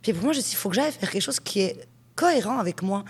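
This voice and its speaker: In this conversational interview, the guest is a hypnotherapist in her forties, originally from Switzerland, talking openly about her career. She speaks at a racing pace in a husky, mid-range voice, telling stories in a chatty, frank, lively way.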